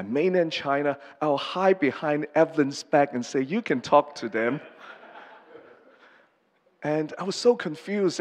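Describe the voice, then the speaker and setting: A middle-aged male pastor from Hong Kong, his voice a little high, delivers a personal testimony sermon. He speaks earnestly but haltingly, pausing often and restarting his sentences. The recording carries the long reverb of a large hall.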